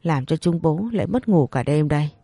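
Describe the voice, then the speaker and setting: A narrator voicing crude, swearing village patrolmen, raised a bit higher. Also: expressive, brisk, vocal fry, dark tone, dry recording, clean studio sound. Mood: cursing. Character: coarse rowdy village patrolmen, men.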